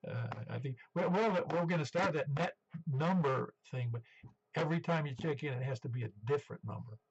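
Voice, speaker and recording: A man in his seventies speaks over a dull, band-limited ham radio. His voice sits a little high for a man and is full of gravelly creak. He runs the net check-in casually, chatting and rambling in an easygoing way. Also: a little fast, a little hiss or hum. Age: 70s. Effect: two-way radio transmission. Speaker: amateur radio net controller.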